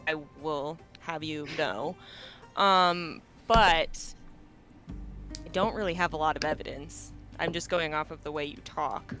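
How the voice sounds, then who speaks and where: A woman's voice: sits low, measured pace, a bit bright, faint music behind. A woman playing a tabletop game, chatting casually in and out of character. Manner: casual, describes her character's actions. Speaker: player.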